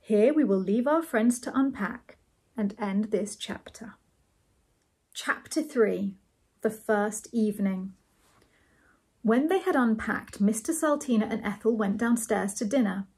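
A woman host gently narrating a storybook aloud in a measured way. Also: on the high side, husky. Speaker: host reading a novel aloud.

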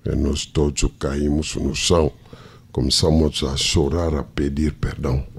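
A man preaching, telling a story dramatically with hushed asides. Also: extremely low pitch, level tone, a little slow, vocal fry, slightly rough. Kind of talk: storytelling sermon.

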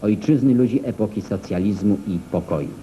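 A man giving grave, measured narration for an old newsreel, slowing on solemn words, heard through an old film soundtrack. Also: lowish voice. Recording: dull lo-fi film soundtrack with faint hiss.

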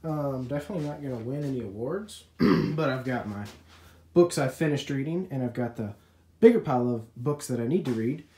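Talking briskly and animatedly in a mellow, medium-pitched voice, a young man jokes at his own expense while filming a casual workshop vlog of his woodworking project. The farm shed and porch setting sounds echoey, with clear background noise picked up by a nearby phone camera.

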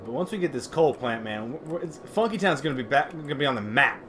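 A man's voice: mid-range voice, animated, fast, noisy background. A man streaming a city-building game, chatting casually, rambling, swearing and answering his chat.

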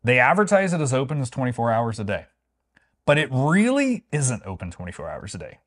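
With big swings in pitch around a medium register, this man talks briskly in a slightly bright voice. He's a travel vlog co-host chatting loosely and opining with playful wryness and mock-grand emphasis, like an informal review.

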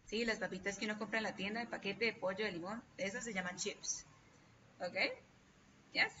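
A woman's voice: mid-range voice, steady tone, fast talker, sharp tone, a little hiss or hum. A Spanish-speaking woman teaching an online English class, encouraging and often checking in with "ok?". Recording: dull lo-fi video call audio, distant from mic.

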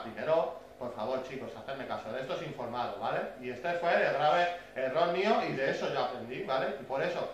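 A man's voice: mid-range voice, muffled recording. Guy chatting away to his viewers, keeps asking ok?, mic far off, loads of room echo, faint hiss. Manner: chatty, frequent "¿vale?" tag questions. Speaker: bird keeper vlogger. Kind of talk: casual storytelling to viewers.

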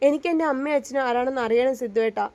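A woman's voice: high-pitched, racing, a little mellow. A woman reading a hurt pleading young wife.

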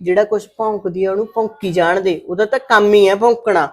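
A woman's voice: mid-range voice, steady tone, a little fast, natural voice. A woman playing a worried, scheming village mother who scolds and coaxes her daughter in a family drama. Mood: reassuring, scornful. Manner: fretful, scolding, loud when calling out. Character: scheming middle-aged village mother, worried and sharp-tongued.

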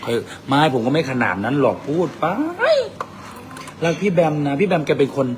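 A man's voice: medium pitch, animated, normal speed. Teasing Isan-accented man in a noisy cafe. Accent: Isan Thai. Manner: teasing, boisterous, mixes in dialect. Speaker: vlog host. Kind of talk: casual joking banter.

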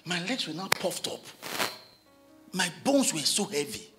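A man, a pastor preaching a sermon in church, animated, breaking into shouts and chuckles. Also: sits high, unhurried, soft background music.

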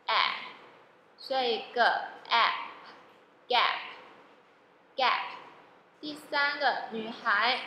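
Phonics teacher, woman, slightly high, bright voice; slow, repeats each word; echoey room. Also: a little hiss or hum. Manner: slow, drawn-out sounding of words, repeating each one. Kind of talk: classroom phonics lesson. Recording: echoey room with long reverb.

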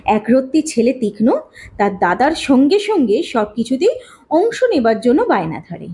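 A woman narrating a story aloud with an expressive, dramatic reading. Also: sits high, normal speed. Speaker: audiobook narrator.

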